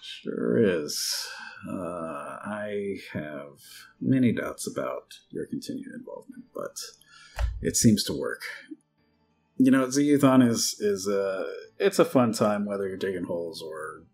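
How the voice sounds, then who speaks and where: A man's voice: deep voice, expressive, slow, darkish tone, soft background music. A man hosting a podcast in a casual, conversational style. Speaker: podcast host.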